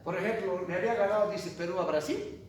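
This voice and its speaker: A man giving an animated university lecture, joking and asking the class questions. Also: high-pitched, fast talker. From Bolivia. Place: large echoey classroom. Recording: echoey classroom from far off, noisy.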